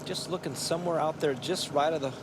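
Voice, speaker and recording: A man's voice: a little high, quick pace. A man giving conversational live golf commentary in short, clipped observations. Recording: noisy outdoor ambience.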